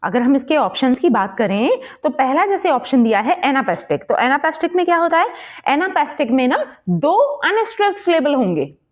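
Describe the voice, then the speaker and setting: A woman teaching English literature exam prep, explaining step by step and posing quiz questions, reading English passages slowly. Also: high-pitched, very animated, highs cut off. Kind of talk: exam-prep lesson in Hindi-English mix.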